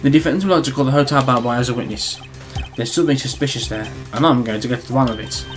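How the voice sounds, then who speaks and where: A man's voice: mid-range voice, fast, soft background music, natural voice. Man voicing a determined young lawyer, earnest, game dialogue.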